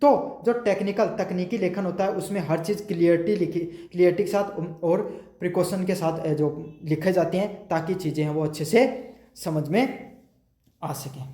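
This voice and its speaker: A man teaching exam prep. He reads English notes slowly, then explains in quick, chatty Hindi and keeps checking that students have understood. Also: high voice, dark tone. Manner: keeps asking "समझ में आ गया?". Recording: echoey room.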